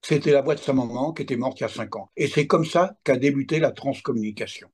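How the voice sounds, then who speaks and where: Husky older man telling his story. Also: medium pitch, quick pace, darkish tone. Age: 70s. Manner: emphatic storyteller, adds asides like "hein, attention". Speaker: interviewee recounting paranormal experiences. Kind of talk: animated personal testimony.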